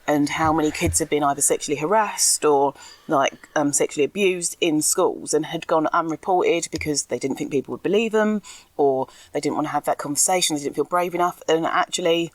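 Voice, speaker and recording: A woman's voice: low voice, a little fast, dry recording. A woman co-hosting a podcast in casual chat, candid and a little ranty, laughing often. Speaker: podcast co-host. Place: outdoors in a garden.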